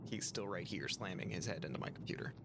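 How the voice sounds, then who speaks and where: A man's voice: deep voice, animated, fast, gravelly. A man streaming a game through a compressed microphone, talking to his cat and muttering his moves, with a slightly runny nose. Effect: compressed microphone sound. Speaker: streamer playing a roguelike game. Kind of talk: casual live-stream chat and play commentary. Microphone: desk microphone with a compressor. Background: game music.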